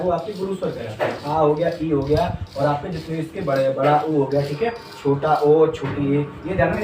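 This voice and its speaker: A man with a fairly high voice teaches a class, asking his students questions and then answering them himself. He keeps checking in after each point. He is heard from a distance in an echoey room, with a faint hum underneath. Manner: uses "theek hai" constantly as a check-in. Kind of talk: classroom lesson on Hindi vowels.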